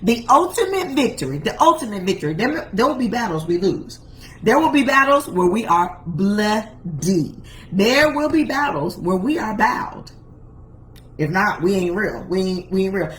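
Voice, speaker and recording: A woman's voice: mid-range voice, sing-song, normal speed, echoey room, slight background noise. A woman pastor preaching a casual devotional sermon, emphatic and repetitive, talking straight to her viewers.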